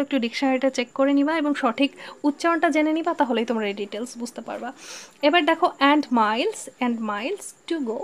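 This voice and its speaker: A woman with a Bangladeshi accent and a high voice teaches exam prep. She is patient, reads English lines slowly, and keeps checking that her students follow. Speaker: English literature tutor. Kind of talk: online exam-prep lesson.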